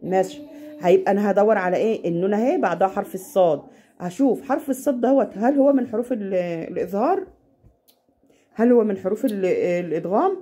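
A woman with an Egyptian Arabic accent tutoring a child at home, patient and slowing down to demonstrate recitation. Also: mid-range voice, animated, warm tone, slightly rough. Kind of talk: casual home lesson.

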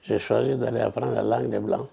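Husky gravelly old man, deep voice. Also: fairly even intonation, fairly quick, mellow. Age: 80s. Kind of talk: testimony interview. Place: living room, indoors.

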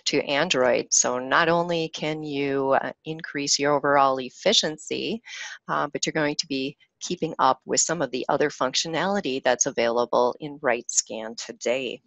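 A woman moderating a webinar, reading out audience questions briskly. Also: a bass voice, a bit bright, no room sound, dull audio.

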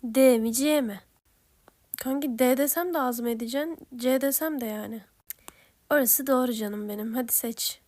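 A woman voicing a casual role-play story with chatty slang and quick banter. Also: fairly high pitch, a little mellow, no echo. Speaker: role-play narrator voicing all characters.

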